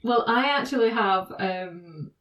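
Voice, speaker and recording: A woman's voice: mid-range voice, expressive, slow, a bit bright, poor audio. A woman hosting a podcast, explaining law in casual chat, laughing often and full of ums and restarts. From United Kingdom.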